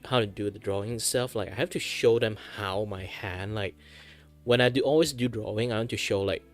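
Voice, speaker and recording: A man hosting a livestream with casual chat in an animated anime-streamer manner. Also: lowish voice. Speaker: streamer host.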